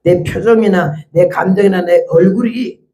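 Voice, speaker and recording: A woman's voice: mid-range voice, normal speed, mellow. A woman, a missionary giving a testimony sermon and telling her story bluntly, acting out the quoted speech with lots of energy. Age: 80s. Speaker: missionary preacher.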